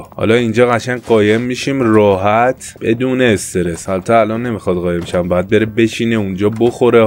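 A young man giving casual let's-play commentary, excitable and trash-talking, his voice jumping up when he panics. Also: a little hiss or hum. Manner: excitable, trash-talks the game character, jumps high when panicked. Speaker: gameplay commentator. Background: faint game music.

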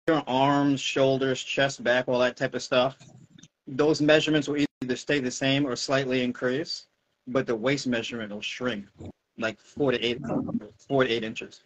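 Here the same kind of speaker, a middle-aged American man who coaches fitness, chats through a relaxed Q&A over video call from home. He talks at a moderate pace with a flat, mid-range delivery, heard through wired earphones in muffled, dull sound.

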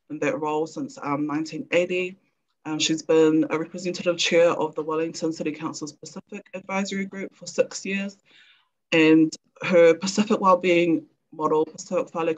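Halting young New woman. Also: lowish voice, poor audio. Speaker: research librarian introducing a guest. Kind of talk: semi-formal introduction read from notes. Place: indoors on a video call.

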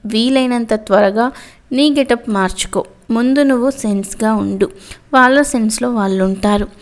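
A woman's voice: on the high side, moderate pace, natural voice. Madhurima, a woman voicing a stern hostel warden. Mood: firm lecturing. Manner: calm, lecturing advice. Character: stern middle-aged female hostel warden.

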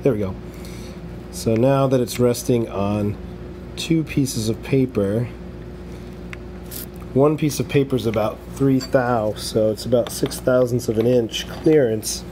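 A man's voice: medium pitch, unhurried, long pauses. A man hosting a DIY video, casually explaining as he works with tools in his garage workshop, talking half to himself. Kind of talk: casual workshop how-to narration. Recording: noisy workshop recording.

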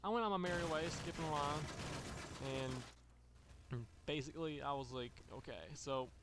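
A gaming channel host with a slightly high voice and fairly even intonation talks at normal speed, rambling through a long, profane story packed with fillers and restarts. The audio is very noisy, with game gunfire in the background.

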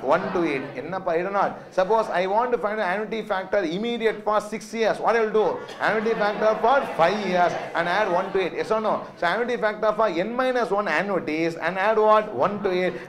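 A man with a high-pitched voice and a South Indian Tamil accent teaches a class. He goes step by step, repeating key phrases emphatically. He keeps throwing short checking questions at his students. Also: a bit bright. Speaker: finance teacher.

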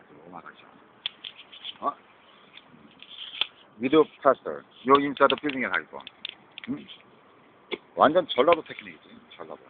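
Rambling man on a tinny phone-like recording. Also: mid-range voice. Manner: rambling, mixes English words into Korean, keeps asking "eh?". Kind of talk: rambling monologue to viewers. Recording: tinny phone-like audio with faint noise.

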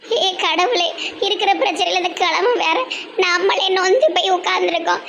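Brash scolding Tirunelveli woman, high bright voice with gravel. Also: normal speed. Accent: Tirunelveli Tamil. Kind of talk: comedy sketch acting.

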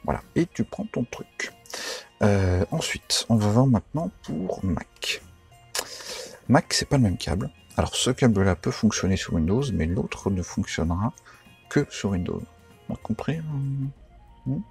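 A man's voice: lowish voice, animated, measured pace, darkish tone, husky, soft background music. A man giving a casual, informal how-to tutorial, chatty and full of fillers and self-corrections. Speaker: radio tutorial maker.

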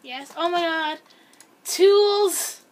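Very slowly and in a very high voice, a young woman rambles and chats casually while playing a game for her video. A camera filming the screen picked her up, along with a little hiss or hum.

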